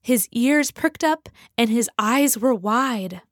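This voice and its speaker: A woman's voice: fairly high pitch, slow pace, no echo, studio quality. Woman narrating a children's story. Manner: gentle, expressive storytelling. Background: music for children.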